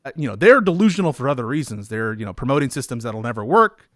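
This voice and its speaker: A man's voice: mid-range voice, lively intonation, quick pace, a bit bright, no room sound, studio quality. A man hosting a heated debate, arguing and cutting in with repeated requests to wait. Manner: interrupts with repeated "wait", argumentative. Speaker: debate host.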